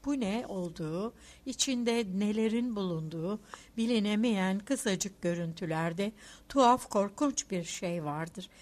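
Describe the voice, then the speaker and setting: Woman, audiobook narrator, expressive literary reading, mid-pitched voice. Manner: expressive, rising and falling with the story.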